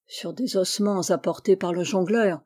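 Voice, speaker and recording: A woman's voice: lowish voice, moderate pace, a little mellow, close to an everyday voice. A woman voicing a torn, anguished young male warrior in a storybook reading, speaking with passion. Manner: impassioned, pleading speech.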